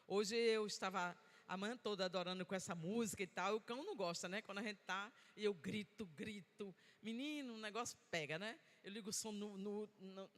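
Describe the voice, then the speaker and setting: A woman's voice: medium pitch, a bit bright. Woman preaching in a reverberant church. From Bahia, Brazil. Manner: call-and-response, prompting the congregation to answer. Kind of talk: sermon. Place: church sanctuary. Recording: long church-hall reverb.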